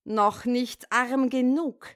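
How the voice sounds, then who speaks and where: A woman's voice: a little high, fairly even intonation, takes it slowly, pitched above the performer's own voice. A woman voicing a vengeful taunting sparrow. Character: vengeful defiant little sparrow.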